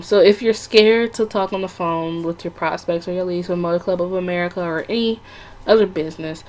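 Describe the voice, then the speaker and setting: Woman rambling through sales tips, kinda low voice, little hiss behind her. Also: darkish tone. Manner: chatty, rambling, many fillers and restarts, laughs at herself. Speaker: vlogger giving sales tips. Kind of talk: casual talk to camera.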